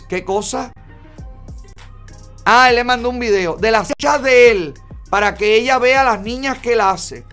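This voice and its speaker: A man's voice: high-pitched, fairly bright tone. A man hosting a gossip show, reading private chats aloud and commenting on them in a flamboyant, theatrical way full of exclamations. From Cuba.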